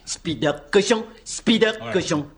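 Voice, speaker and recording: A man's voice: sits high, lively intonation, slow pace. A man voicing a goofy cartoon dad who sings a comic song in a cartoon dub. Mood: silly singing. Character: goofy cartoon dad singing about a pig.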